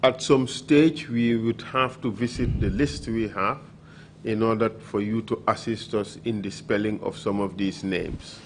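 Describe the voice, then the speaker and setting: Slow, measured male panel questioner. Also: on the low side, steady tone, a little hiss or hum. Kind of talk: formal testimony questioning.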